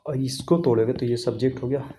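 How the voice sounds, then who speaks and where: A man's voice: medium pitch, fairly even intonation, a little fast, warm tone, slight background noise. A man teaching English grammar in a casual classroom style, repeating points and checking that students follow. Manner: repetitive, asks students questions, writes on a board.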